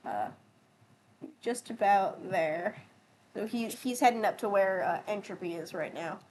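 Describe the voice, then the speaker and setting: A woman's voice: mid-range voice, measured pace, a little mellow, slight background noise, low-quality recording. Laughing woman game master. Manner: laughs often, casual and chatty. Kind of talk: narrating a tabletop game.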